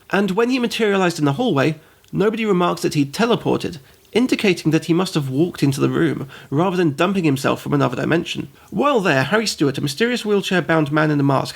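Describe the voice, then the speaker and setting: A man narrates a comedic game review in a sarcastic, rambling way. His voice is a touch high and has a gravelly edge. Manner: sarcastic, goes off on tangents. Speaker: host and reviewer.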